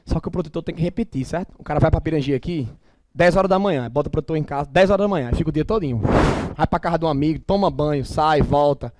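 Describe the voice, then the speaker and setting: A middle-aged man with a Northeastern Brazilian accent, lecturing a class in an emphatic, animated, colloquial way with blunt asides. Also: on the high side, quick pace, no echo. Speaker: teacher.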